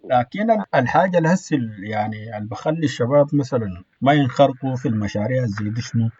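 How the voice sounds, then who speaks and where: A man with a Sudanese Arabic accent runs a radio talk show, putting pointed questions to his guests. His voice has a husky edge, and he speaks at a brisk clip. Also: mid-range voice, lively intonation, darkish tone, muffled recording. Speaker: radio host.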